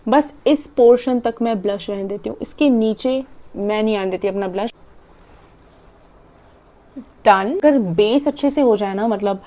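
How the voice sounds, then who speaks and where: Young Indian woman, makeup vlogger, mellow tone, quick chatty delivery with swallowed words. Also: on the high side. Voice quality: talks fast and swallows half her words. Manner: chatty, demonstrating while applying makeup. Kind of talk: casual makeup tutorial, Hindi-English mix.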